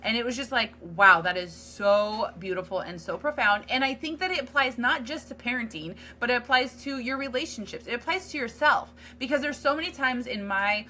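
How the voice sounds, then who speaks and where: A woman's voice: on the high side, a little fast, few pauses, pushed and bright, slight background noise. A woman hosting a solo podcast, talking in a candid, earnest, self-reflective way with casual fillers and restarts. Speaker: podcast host.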